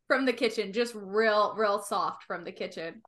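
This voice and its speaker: A woman's voice: mid-range voice, a little slow, a bit bright, no room sound. A woman playing a tabletop game who talks in a giggly, playful way. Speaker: player. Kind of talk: tabletop role-play banter.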